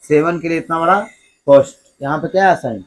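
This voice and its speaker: A man's voice: a little high, brisk, poor audio. Male teacher quizzing his class. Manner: keeps quizzing the class, then answering himself. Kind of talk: classroom lecture with call-and-response questions. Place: classroom with students.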